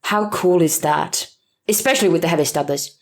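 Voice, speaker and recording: A young woman co-hosting a podcast in casual chat, excitable and jokey, recorded in an echoey room. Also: on the low side, fairly quick. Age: young adult. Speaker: podcast co-host. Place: echoey room in a newly moved-into home.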